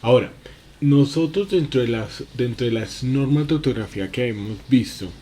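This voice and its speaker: A man teaching a spelling lesson, halting, with many fillers and restarts. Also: medium pitch, animated, warm tone, slight background noise.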